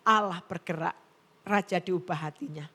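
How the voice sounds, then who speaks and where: A middle-aged woman pastor preaching at a women's church service, telling stories and quoting people in lively voices. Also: lowish voice, normal speed. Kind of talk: sermon.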